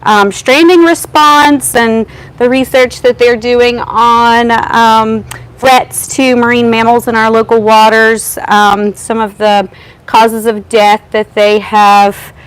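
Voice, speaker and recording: Lady host doing the intro, highish voice, lots of ums. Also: steady tone, takes it slowly, clean tone, rough recording. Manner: hesitant, many ums. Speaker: event host. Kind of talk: introducing a speaker.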